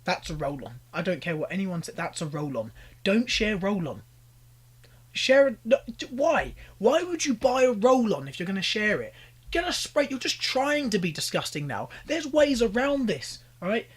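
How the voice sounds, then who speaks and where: A man's voice: high-pitched, big pitch swings, moderate pace, breathy edge. A young British man giving exasperated, ranting reaction commentary, pleading with the people on screen. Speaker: commentary YouTuber.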